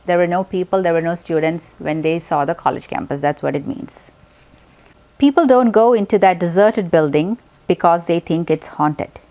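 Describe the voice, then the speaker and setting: A woman's voice: fairly low pitch, a little mellow. A woman teaching an English vocabulary lesson, explaining words carefully with example sentences and spelling them out letter by letter.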